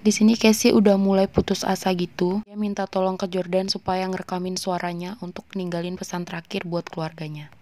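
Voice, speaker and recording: A woman's voice: on the low side, flat delivery, a little fast, mellow, no echo. A woman narrating a film recap in a casual, chatty way, slipping in slangy joking asides.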